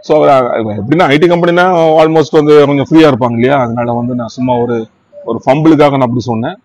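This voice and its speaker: Talking fast in a slightly mellow, medium-pitched voice, a man with a Tamil Nadu accent reviews motorcycle gear for his vlog. The chat is casual and product-focused, with English words mixed in.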